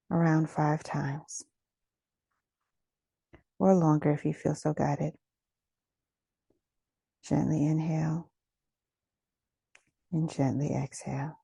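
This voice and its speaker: Here a woman with a low, soft, breathy voice leads a guided meditation, unhurried and soothing, leaving pauses between her phrases. The recording has no room sound.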